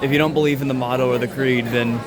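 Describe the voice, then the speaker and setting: Young man amid loud crowd chatter. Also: mid-range voice, steady tone. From Lexington, Kentucky. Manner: earnest, halting and rambling. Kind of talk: casual interview chat. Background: loud crowd in a public space.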